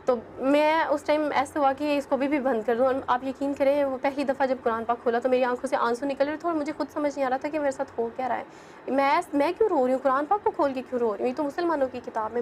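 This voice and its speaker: A woman's voice: sits high, a little mellow, a little hiss or hum. A young woman from Pakistan, a guest telling her own story in an interview, earnest and full of "believe me". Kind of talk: personal testimony in an interview.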